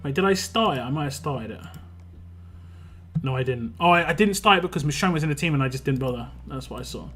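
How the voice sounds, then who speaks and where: Rambling and fast, a young West London man chats casually while streaming a game, restarting often and using plenty of fillers. His voice is a little high, expressive and a bit bright.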